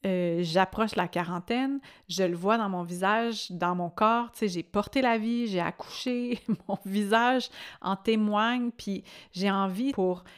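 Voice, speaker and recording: Woman in her late thirties, Québécois French accent, podcast host, reflective, casual and chatty, medium pitch. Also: measured pace, clear, resonant tone. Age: late 30s. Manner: chatty, reflective, laughs often, many fillers.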